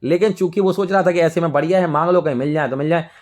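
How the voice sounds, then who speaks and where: A young adult male teacher retells a textbook story to students. His voice sits a little high for a man, and he talks in a lively, chatty way, slipping into the characters as he goes. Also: rapid-fire. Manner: lively, conversational, acts out characters. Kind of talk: storytelling lesson summary.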